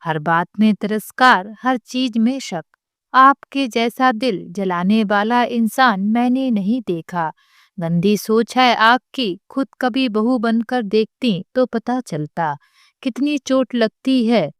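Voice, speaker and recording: A woman's voice: fairly high pitch, slow pace, dry recording, clean studio sound. A woman voicing a bitter young daughter-in-law who talks in an angry, scornful way. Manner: shouting, scornful.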